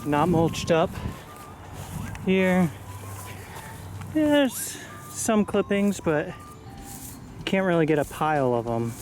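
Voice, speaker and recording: A man's voice: high-pitched, animated, takes it slowly, pauses often, darkish tone, a little hiss or hum. A man giving a casual, rambling mower review outdoors, out of breath and talking with many fillers. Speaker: lawn care video host. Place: outdoors on a lawn.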